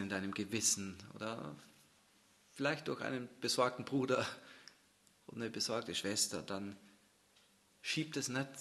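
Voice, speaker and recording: German preacher swinging between hush and loud. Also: male voice, medium pitch. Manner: intense preaching, drops to near-whisper then swells loud. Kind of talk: sermon.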